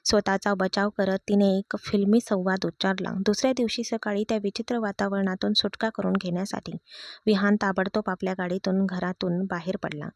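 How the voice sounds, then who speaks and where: A woman narrates a story in an even, expressive reading voice at a middling pitch. The recording is dry and close, with no room sound. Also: brisk, dry recording.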